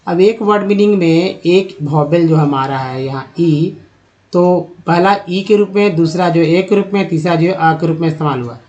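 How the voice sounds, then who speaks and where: A man with a fairly high voice leads a spelling and pronunciation lesson. He stretches out words and breaks them into letters as he goes. The sound is dull and lo-fi. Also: darkish tone. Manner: slow, drawn-out word-by-word pronunciation drills. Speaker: English teacher. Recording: dull lo-fi audio.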